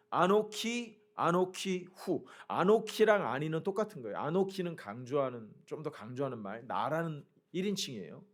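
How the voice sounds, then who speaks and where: A man preaching a sermon as pastor, emphatic, with loud declarations and quiet asides and frequent questions to the congregation. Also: a little high.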